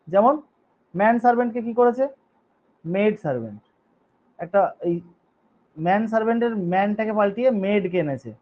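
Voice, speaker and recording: Man, teacher, high voice, spells words letter by letter, checks in with students, dull lo-fi audio. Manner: reads rules in English, then explains them in Bengali. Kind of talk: online grammar lesson. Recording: dull lo-fi recording.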